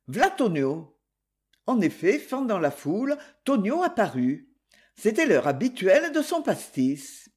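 An audiobook narrator reading a crime novel in a measured storytelling manner. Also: mid-range voice, sing-song, darkish tone, breathy edge. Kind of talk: scripted narration.

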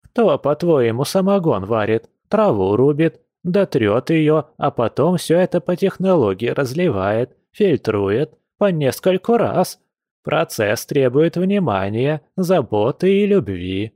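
A male narrator lifts his voice into a grumbling old village granny who wheedles and drags out her words, pitched higher than his own plain reading. Close and dry, with no room around it. Storybook character reading. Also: big pitch swings, a little mellow, dry recording. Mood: grumbling, wheedling. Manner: folksy, wheedling, drawn-out speech. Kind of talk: audiobook character voice.

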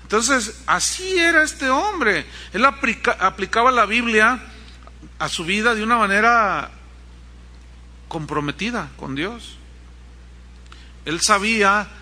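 Sitting high in pitch and moving a little slowly, a man's voice delivers a conversational sermon. He addresses asides to the congregation and brings his storytelling to life by acting out quotes.

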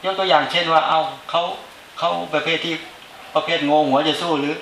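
A man's voice: fairly high pitch, steady tone, brisk, fairly bright tone, a little hiss or hum. A male Buddhist monk giving an informal dharma talk, speaking conversationally and often asking the listeners to agree with him. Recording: roomy echo with faint ambience.

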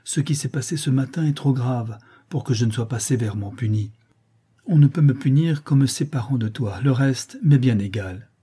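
A man reading aloud, voicing a gentle, tearful young orphan girl who stays firm in her convictions, in a husky voice. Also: medium pitch, moderate pace. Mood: resigned.

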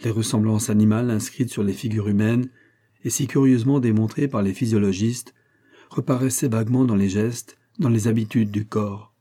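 A man reading a classic novel aloud as audiobook narrator, measured and literary. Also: lowish voice, fairly even intonation, mellow. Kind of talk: scripted narration.

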